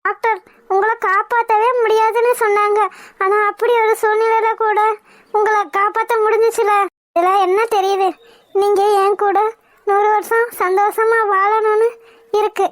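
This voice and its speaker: A woman's voice: very high voice, flat delivery, moderate pace, no echo, studio quality. A woman voicing a young, devoted wife in a cartoon, affectionate, pleading and playfully scolding. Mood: tender. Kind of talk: cartoon voice acting.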